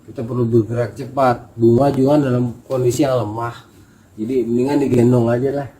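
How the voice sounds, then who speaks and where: A man's voice: medium pitch, little pitch movement, fairly quick, mellow. A man telling a hiking story in a casual, emotional and earnest way. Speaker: storyteller recounting a hiking experience. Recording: noisy background ambience.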